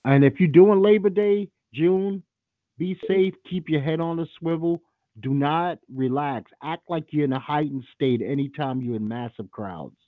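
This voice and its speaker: A man's voice: fairly high pitch, moderate pace, dry recording, narrow, tinny audio. A man hosting a call-in show, talking in a blunt, profane and opinionated way. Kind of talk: casual call-in radio talk.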